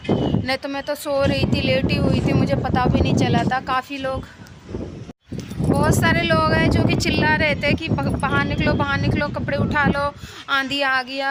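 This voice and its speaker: Chatty young woman vlogging on a rainy rooftop. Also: sits high. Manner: chatty, rambling, repeats herself with fillers. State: feeling cold and unwell. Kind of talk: casual vlog chat to viewers. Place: rooftop outdoors in rain and wind. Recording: loud rain, wind and traffic noise outdoors.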